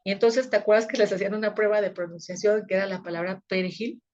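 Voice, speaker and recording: A woman's voice: mid-range voice, steady tone, fast, darkish tone, lo-fi sound, slight background noise. Chatty woman teaching. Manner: conversational, frequent checking tags. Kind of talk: recorded video lecture.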